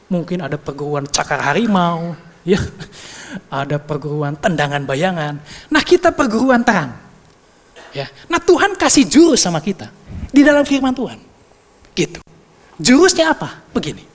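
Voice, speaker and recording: Lively-pitched woman preaching in a reverberant hall. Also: moderate pace. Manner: playful and conversational, with many rhetorical questions and "ya" check-ins. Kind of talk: sermon. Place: church hall.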